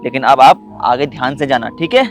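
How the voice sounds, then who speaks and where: Brief: a man doing a friendly, modest guy who talks fast in a mid-pitched voice. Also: soft background music, natural voice. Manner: polite, friendly and calm. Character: kind, humble young man. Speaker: job candidate.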